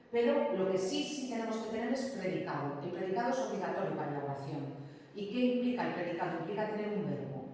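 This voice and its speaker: A woman teacher lectures on grammar, patient and explanatory, often pausing to check her students follow with a short "¿m?". Her voice rings through a large reverberant room. She stands well back from the microphone, with faint background noise. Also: medium pitch, darkish tone. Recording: echoey room, distant mic, faint ambient noise.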